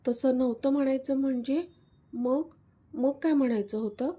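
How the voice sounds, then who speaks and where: A woman's voice: on the high side, unhurried, mellow. Woman reading as a teasing young lover. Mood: angry. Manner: teasing, coaxing. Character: teasing young man, playful then hurt lover.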